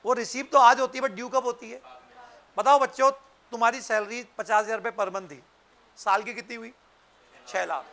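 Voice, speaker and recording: Very high-pitched, forceful male lecturer. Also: fairly even intonation, moderate pace, pauses often. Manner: quizzing students with frequent short questions. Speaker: accountancy and tax teacher. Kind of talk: interactive lecture.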